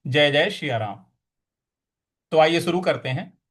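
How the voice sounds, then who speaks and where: A man teaching the recitation of Sanskrit verses, chanting each line slowly and then explaining the pronunciation. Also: a little high, expressive, a bit bright. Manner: slow chanting of verses between quick spoken explanations.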